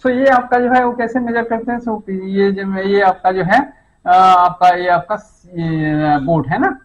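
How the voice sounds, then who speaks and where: Middle-aged guy teaching physics, kinda high voice, keeps asking "right?" as he explains. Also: rough recording. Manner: explains step by step, often checks with "है ना?". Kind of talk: classroom lecture.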